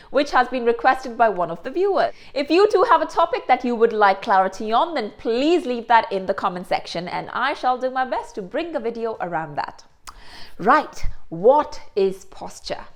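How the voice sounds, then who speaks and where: A woman hosting a lesson and explaining things clearly, with the odd aside in Hindi. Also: on the high side. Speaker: host. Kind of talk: instructional presentation.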